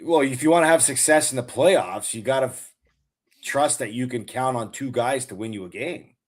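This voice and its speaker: A man's voice: mid-range voice, normal speed. A man, a former hockey player, talking hockey with an easygoing, teasing manner. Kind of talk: casual sports chat.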